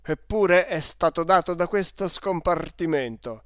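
A reader playing stern male railway officials, loud and firm, setting out the rules in an official tone. The sound is dry and close. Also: medium pitch, a little slow, no room sound, lightly acted. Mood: accusing. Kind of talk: audiobook character voice.

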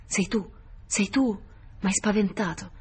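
A reader voicing a gentle, worried old servant who speaks softly and reassuringly in an audiobook. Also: mid-range voice, slow, a little hiss or hum, pitched above the performer's own voice, close to an everyday voice. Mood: startled. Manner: soft, reassuring, subdued. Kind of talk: audiobook character voice.

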